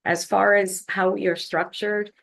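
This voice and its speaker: A woman leading a health department, presenting slides to a board over a video call in a measured way with frequent fillers. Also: medium pitch, flat delivery, creaky, rough recording. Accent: Philadelphia. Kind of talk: formal online meeting presentation.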